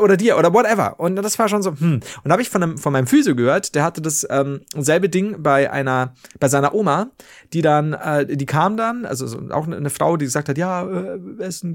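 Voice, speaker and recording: Podcast host, male, slightly high-pitched, rambling animated storyteller who acts out every quote. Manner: swears casually, rambling restarts. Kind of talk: casual storytelling chat.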